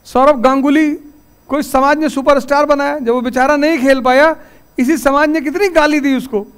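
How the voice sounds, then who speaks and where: A man's voice: very high-pitched, normal speed. A man teaches a class, spinning everyday stories as he goes. He turns firm and strict when he lays down his rules for the room. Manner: storytelling, lively and anecdotal; stern about class rules.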